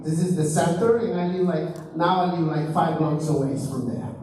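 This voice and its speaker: A man's voice: fairly high pitch, normal speed, warm tone, slight background noise. A young man from Ecuador with an Ecuadorian Spanish accent, talking casually to a school audience and asking them questions. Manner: chatty, asks the audience questions. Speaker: presenter. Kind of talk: casual talk. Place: school auditorium. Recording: very echoey hall, mic far off.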